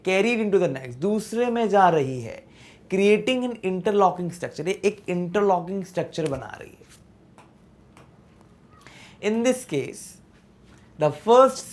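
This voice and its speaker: This is a woman teaching a poem lesson, her voice sitting low and her delivery slow and deliberate. She reads text, then breaks it down in Hindi, checking in with students again and again. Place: classroom-style video lesson.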